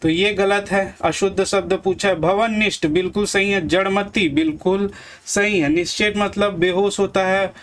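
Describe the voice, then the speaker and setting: A man teaching Hindi grammar for exam prep, slowly repeating each word and quizzing his viewers. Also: high voice, fairly even intonation.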